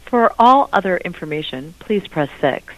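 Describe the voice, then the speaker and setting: A recorded phone menu message played over a phone line, reading options in slow, evenly spaced prompts. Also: mid-range voice, animated, very noisy.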